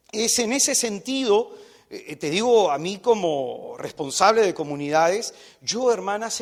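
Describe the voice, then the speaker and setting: A man with a high voice preaches with animated storytelling, slipping into the voices of the people in his tales. He addresses the women before him directly and earnestly. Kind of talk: sermon.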